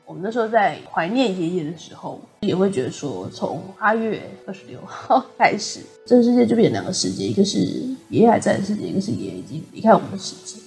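A woman co-hosting a book discussion podcast, softly retelling a story and quoting its characters. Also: medium pitch, big pitch swings, quick pace, few pauses, faint music behind. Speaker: podcast co-host.

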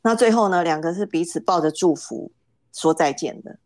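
Low-voiced woman telling a family story. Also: moderate pace, a little mellow, no echo. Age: middle-aged. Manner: hesitant, repeats words as she starts. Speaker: podcast guest. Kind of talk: casual storytelling.

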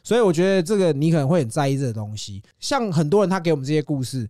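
A man with a Taiwanese Mandarin accent tells podcast stories at a brisk clip, his voice sitting a little high. He swears freely and breaks into laughter, and he sounds close and dry, with no room around him. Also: no room sound. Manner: animated storytelling, swears, laughs often. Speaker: podcast co-host. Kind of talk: casual crude podcast chat.

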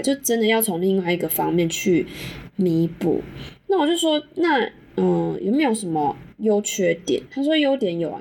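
A woman's voice: mid-range voice, a little hiss or hum. Frank, chatty Taiwanese woman podcaster. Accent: Taiwanese Mandarin. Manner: frank, chatty, swears casually and laughs often. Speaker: podcast host. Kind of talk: candid solo podcast storytelling.

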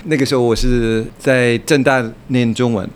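A man's voice: medium pitch, fairly even intonation, moderate pace, clear, resonant tone. A British man in his fifties, a native English speaker, speaking Mandarin as a foreigner in an interview, occasionally dropping in English words. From England. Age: 50s. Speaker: guest academic. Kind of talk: interview conversation.

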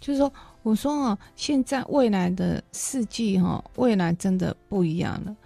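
Mellow-voiced radio co-host. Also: female voice, mid-range voice, normal speed, gravelly, dry recording, soft background music. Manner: gentle, agreeable backchannel replies. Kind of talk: casual radio chat. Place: radio studio.

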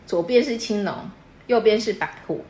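A woman's voice: medium pitch, moderate pace, darkish tone. Lady explaining stuff, quizzes you, kinda teacherly, roomy echo. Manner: patient, teacherly, quizzes the listener. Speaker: host explaining customs. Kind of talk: casual explanatory chat. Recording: echoey room.

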